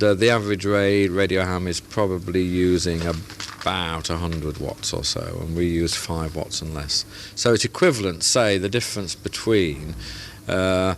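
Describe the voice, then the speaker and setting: In a deep voice with a little hiss or hum behind it, the founder of a radio club answers interview questions about his hobby club. He explains patiently, leaning on plain comparisons.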